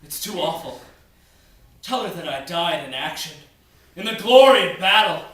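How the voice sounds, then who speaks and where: A man's voice: sits high, lively intonation, moderate pace, fairly bright tone. A man playing a melodramatic, earnest dying wartime airman in a comedic war drama. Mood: pleading, solemn. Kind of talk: comedic stage-style drama, old war-film melodrama. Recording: echoey room, distant microphone.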